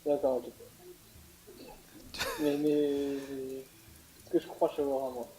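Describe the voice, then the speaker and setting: A man's voice: medium pitch, flat delivery, takes it slowly. A man chatting casually while playing on a game stream. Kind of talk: casual gaming chat. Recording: clearly noisy microphone with clicks.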